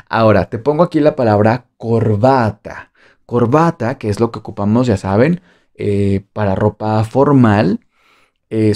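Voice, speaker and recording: A man's voice: medium pitch, creaky, a little mellow. A man with a Mexican Spanish accent teaching a beginner English lesson online, playful and jokey, drilling phrases by repetition.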